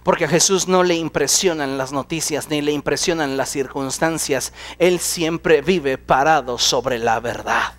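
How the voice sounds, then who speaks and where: A man's voice: a little high, measured pace, hardly any pauses, a bit bright. A man preaching a sermon in a dramatic storytelling way, acting out the voices of the people in the story. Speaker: pastor.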